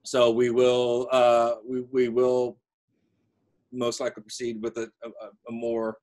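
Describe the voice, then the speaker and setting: Wry male professor with a halting delivery. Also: medium pitch, completely flat delivery, darkish tone. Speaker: law professor. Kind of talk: informal explanation to students.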